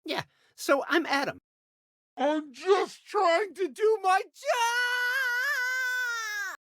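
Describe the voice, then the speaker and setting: A man's voice: extremely high pitch, extremely slow, dry recording, shouting, clean studio sound, exaggerated voice. An actor playing an eager, lovesick, awkward young male bodyguard in a video game. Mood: frantic yelling. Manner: excitable, awkward, hammy. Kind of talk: animated video game character acting.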